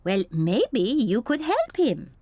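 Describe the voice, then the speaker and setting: A woman voicing a kindly gazelle playgroup teacher in a children's cartoon, gentle and encouraging. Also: on the high side, huge pitch swings, slow, no room sound, full character voice. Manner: gentle and encouraging, sing-song. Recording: studio voice with background music.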